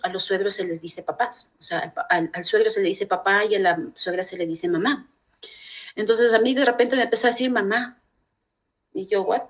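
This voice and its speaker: Chatty Ecuadorian mother telling stories. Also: on the high side. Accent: Ecuadorian Spanish. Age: middle-aged. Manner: warm storytelling with many restarts. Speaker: interview guest, mother. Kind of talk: casual interview talk.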